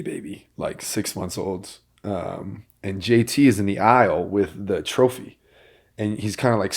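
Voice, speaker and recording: Animated storytelling man, lowish voice. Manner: animated storyteller, builds to excited bursts. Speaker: podcast host. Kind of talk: casual chat.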